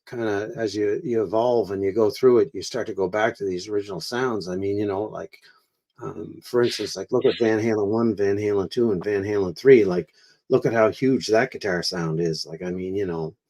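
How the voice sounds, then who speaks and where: A man appearing as a guest over a video call, talking in a loose, chatty way with plenty of fillers and quick agreement. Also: lowish voice, darkish tone. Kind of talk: casual chat.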